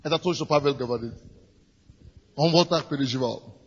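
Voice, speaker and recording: In a dull, lo-fi recording from a reverberant hall with music, a pastor delivers a sermon and leads prayer. His medium-pitched, slightly rough voice moves at a moderate pace, becoming fervent as he repeats his phrases.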